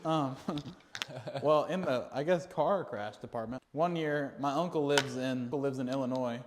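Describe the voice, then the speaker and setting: A man's voice: medium pitch, unhurried, background noise. A young man chatting casually over a game of pool, a rambling storyteller who laughs often. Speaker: podcast co-host. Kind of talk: casual chat while playing pool. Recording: echoey room with long reverb.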